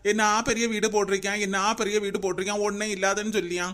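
Man doing a sharp-tongued cartoon auntie. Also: high-pitched, flat delivery, fast talker. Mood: teasing. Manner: teasing, needling banter. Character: chatty female relative Chittu, sharp-tongued teaser. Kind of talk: cartoon character voicing.

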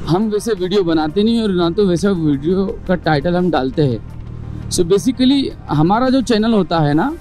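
Over soft background music, a young man speaks to camera as a motovlogger with a high, animated, darkish voice at a measured pace. His talk is chatty and numbered point by point, mixing in English words and rhetorical questions.

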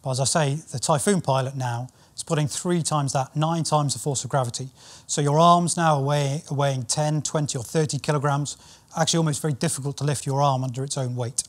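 A British man in his thirties giving an explainer presentation in a measured, explanatory way. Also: fairly high pitch. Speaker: company training specialist and former military pilot.

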